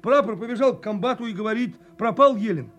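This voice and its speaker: A timid young soldier in an army drama. His voice is strikingly high, and he chatters naively with eager stammers. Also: fast, fairly bright tone. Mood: eager, flustered. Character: timid, chattering young conscript nicknamed chick.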